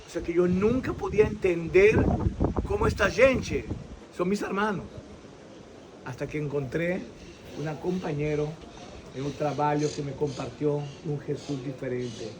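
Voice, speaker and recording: A man in his sixties from Venezuela giving a lively faith testimony in an interview, acting out the people in his story and pausing to search for words. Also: fairly high pitch, background noise. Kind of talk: animated personal testimony.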